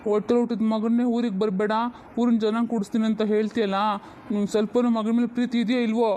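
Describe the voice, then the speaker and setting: A man's voice: high voice, flat delivery, quick pace, mellow, close to an everyday voice. A man voicing a defensive estranged father, protesting and complaining.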